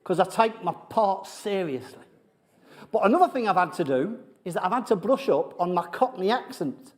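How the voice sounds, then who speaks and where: Male preacher, slightly high voice, loose conversational sermon, self-deprecating jokes, lots of ums. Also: animated, moderate pace. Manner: humorous, self-deprecating, many fillers. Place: church sanctuary with congregation.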